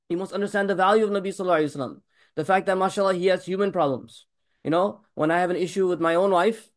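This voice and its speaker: A man giving a religious talk as a teacher, preaching emphatically with frequent rhetorical questions to the audience and repeated blessings. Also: high voice. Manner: rapid, emphatic preaching with blessings on the Prophet woven in.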